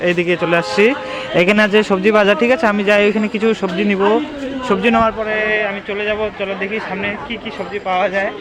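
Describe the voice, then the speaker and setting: Young man, Bengali accent, casual daily vlog, high voice, rapid chatty delivery, phone-recorded outdoor market with traffic noise. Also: flat delivery, rough recording. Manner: chatty, addresses viewers as friends, keeps asking "okay?". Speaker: vlogger. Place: outdoor market and street at night. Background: street and vehicle noise.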